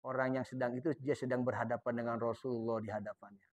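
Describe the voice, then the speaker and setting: A man teaching a dawn study session at a mosque, asking questions and answering them himself, and reciting prayer phrases slowly and softly. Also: medium pitch, flat delivery, muffled recording.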